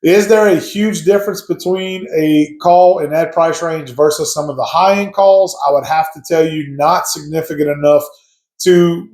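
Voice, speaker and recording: A man with a voice a little higher than most speaks in a roomy, echoing space. He gives casual advice straight to his viewers. His delivery is conversational and explanatory, like a hobbyist laying out an opinion. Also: darkish tone. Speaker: hobby duck hunter giving advice to viewers. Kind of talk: casual opinion talk to camera. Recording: echoey, roomy sound.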